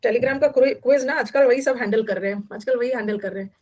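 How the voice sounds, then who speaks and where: A woman's voice: a little high, brisk, mellow, muffled recording. A woman teaching an online English vocabulary class, explaining each word in mixed Hindi and English and repeating terms many times, with an Indian accent.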